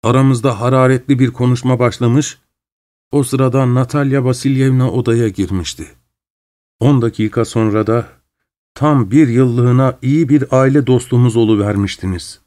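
A man reading an audiobook, voicing a fawning middle-aged widower who speaks in a shrill, affected, theatrical way. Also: normal speed, warm tone, lightly acted. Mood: gushing. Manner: gushing, theatrical, overly familiar.

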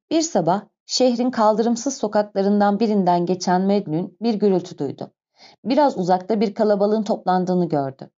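A woman narrating an audiobook in a calm, even storytelling manner. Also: mid-range voice. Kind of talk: scripted narration. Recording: dull lo-fi recording.

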